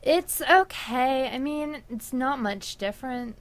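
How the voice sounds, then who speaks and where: A woman co-hosting a podcast, chatting in a relaxed, hesitant way with fillers. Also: sits high, slow. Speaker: podcast co-host. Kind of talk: casual chat.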